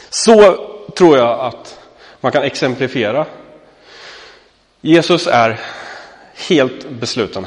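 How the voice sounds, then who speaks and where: Chatty pastor preaching in a reverberant hall. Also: male voice, mid-range voice. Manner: conversational, many fillers, asks the congregation questions. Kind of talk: sermon.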